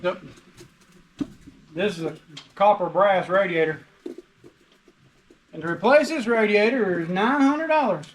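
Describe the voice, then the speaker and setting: A man's voice: sits high, a little slow, long pauses, slight background noise, poor audio. A man, joking around and giving practical tips while he works on an old truck in his shop. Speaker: custom shop owner, co-host. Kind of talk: casual shop vlog talk. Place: auto shop garage.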